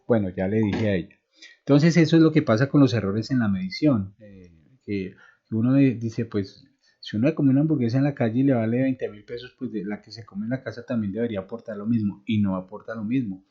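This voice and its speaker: A man's voice: fairly low pitch, a little fast, slightly rough. A middle-aged man giving an online lecture, explaining with homely examples and many "eh" fillers. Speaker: university lecturer. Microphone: online video call. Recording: dull lo-fi call audio.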